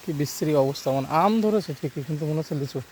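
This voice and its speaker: The voice is a little high and darkish, the words coming rapid-fire, and the poor audio carries slight background noise. It's a young village vlogger with a Khulna Bengali accent on a casual walking vlog, talking as he coaxes animals among the fields and pond outdoors.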